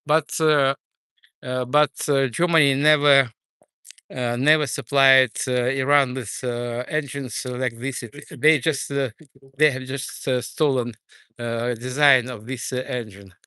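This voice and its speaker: A man with a Ukrainian accent talks slowly and haltingly while he streams a walk outdoors, stopping often to search for his words. His voice is clear and smooth, with a dry, close sound. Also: medium pitch, fairly even intonation, sharp tone, no echo. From eastern Ukraine. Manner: hesitant, many filler sounds. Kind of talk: walking livestream tour. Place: city streets outdoors.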